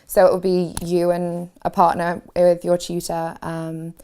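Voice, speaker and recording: A woman's voice: fairly low pitch, completely flat delivery, measured pace, dark tone, smooth. A young woman from Warrington, a university student explaining her course in a matter-of-fact way in an interview. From Warrington, England. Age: young adult. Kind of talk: casual interview testimony.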